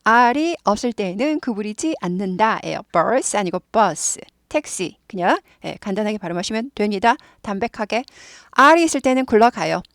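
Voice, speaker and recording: A woman's voice: medium pitch, lively intonation, dry recording, studio quality. Patient Korean woman drilling English pronunciation. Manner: explains patiently, repeats words slowly many times. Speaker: English teacher.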